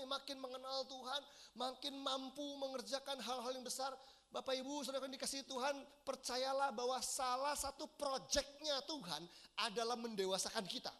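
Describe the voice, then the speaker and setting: A man's voice: very high voice, fairly even intonation, brisk, bright, forceful tone. A man in his thirties preaching a sermon as pastor, earnest and addressing the congregation directly with questions. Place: large church hall.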